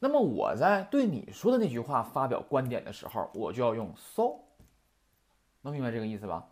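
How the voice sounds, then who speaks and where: Lively, fast-talking language teacher. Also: mid-range voice. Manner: constantly asks "right?" to check understanding; quotes example sentences, then explains them. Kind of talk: classroom lesson explanation.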